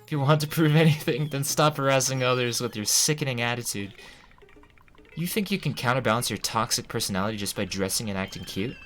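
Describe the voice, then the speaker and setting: A man reading the lines of a reserved but cutting teenage girl from a game, in a measured, cold way. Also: fairly low pitch, sing-song, a bit bright, faint music behind.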